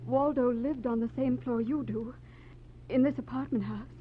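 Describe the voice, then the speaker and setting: A woman's voice: on the high side, steady tone, normal speed, close to an everyday voice. An actress playing a wistful, secretive married woman in a 1940s radio detective drama, speaking earnestly and a little hesitantly. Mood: guarded. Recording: tinny, noisy, humming 1940s radio recording.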